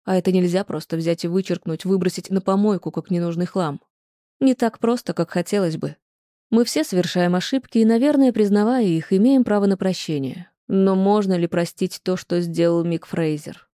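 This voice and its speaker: Audiobook reader telling a love story, mellow dark voice, dry close mic. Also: mid-range voice, moderate pace, no echo. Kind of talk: audiobook narration of a romance novel.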